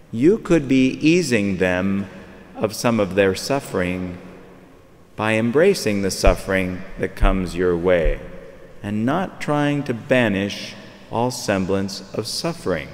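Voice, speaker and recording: A man's voice: on the low side, lively intonation, takes it slowly. A man in his fifties preaching a sermon from a pulpit, talking conversationally and repeating phrases as he searches for words. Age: 50s. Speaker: priest. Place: large church, at a pulpit. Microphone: far camera. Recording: long church reverb.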